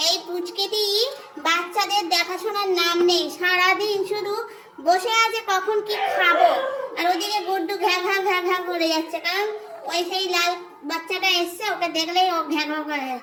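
A woman's voice: extremely high pitch, steady tone, moderate pace, background noise. A woman vlogging at home with her cats, chatting to viewers and coaxing her pets in baby talk. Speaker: cat owner and vlogger. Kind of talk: casual pet vlog, talking to viewers and cats.

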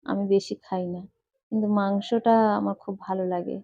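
A woman's voice: mid-range voice, little pitch movement, a little fast, vocal fry, dark tone, dry recording, dull audio, lightly acted. A woman voicing a stubborn old aunt-in-law. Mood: pleading. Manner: stubborn, pleading. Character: fussy elderly aunt-in-law craving meat.

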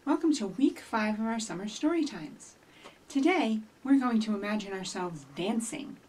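In a small office lined with shelves, a middle-aged storytime host reads aloud and chats with young children, speaking to them directly and encouragingly. The children's librarian has an expressive, mid-range, slightly dark voice at normal speed. A distant microphone captures the room, along with a little hiss or hum.

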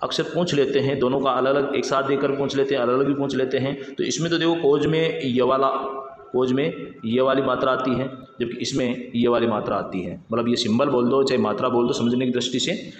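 A man's voice: medium pitch, steady tone, brisk. A man teaching English pronunciation, explaining patiently and spelling words out letter by letter. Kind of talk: explanatory lesson. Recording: echoey room with faint background noise.

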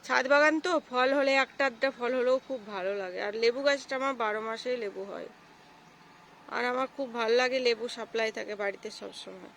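A woman with a cold, hoarse and gravelly, chatting to viewers as she walks around her rooftop garden and points out her plants. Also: fairly high pitch, fairly quick, fairly bright tone, slight background noise. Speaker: gardening vlogger. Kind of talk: casual walk-through vlog.

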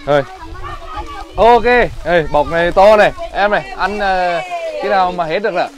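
A man's voice: high-pitched, normal speed, background noise. A man with a Northern Vietnamese accent hosting a casual vlog outdoors in a village, chatting playfully and teasing as he talks to his viewers. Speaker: vlog host. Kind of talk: casual handheld vlog narration. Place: outdoors in a village among children. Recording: outdoors with a crowd of children behind.

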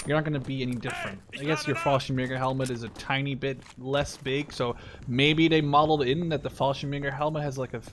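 Speaking fast with few pauses and fairly even intonation, a medium-pitched man offers loose, rambling commentary on a shooter as a gaming YouTuber who wanders off topic. The background is noisy, packed with loud gunfire, artillery and explosions.

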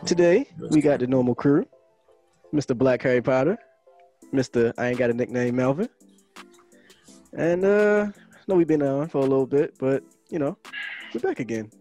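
A man's voice: medium pitch, brisk, warm tone, faint music behind. Laid-back male podcast host. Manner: opens the show with a loose comic welcome. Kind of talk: casual podcast chat.

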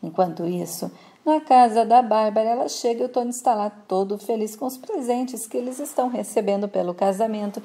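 A woman's voice: fairly high pitch, a little fast, mellow. A woman narrating a soap opera episode in a casual, conversational retelling. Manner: conversational, plain storytelling.

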